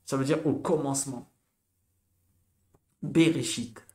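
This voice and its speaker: A man giving a casual spoken lesson, animated and repetitive, spelling out sounds slowly for learners. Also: medium pitch. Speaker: Hebrew teacher.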